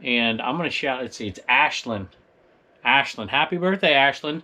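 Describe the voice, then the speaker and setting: A man in his forties with a Southern US accent, from Southern California, hosts a casual reselling vlog as an eBay reseller and show host. His medium-pitched voice is expressive, bright and forceful at a moderate pace. He talks in a chatty, rambling way and chuckles often.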